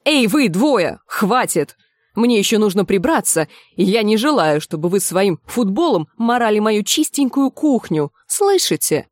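A woman's voice: medium pitch, lively intonation, a little mellow, no room sound, studio quality, lightly acted. Woman doing a bossy, motherly kitchen cook. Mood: scolding. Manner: scolding, brisk, motherly. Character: bossy, kind-hearted young woman cook.

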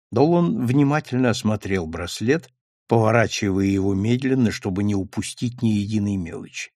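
A man narrating a story in the first person with expressive storytelling. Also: mid-range voice, no echo, studio quality. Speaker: audiobook narrator.

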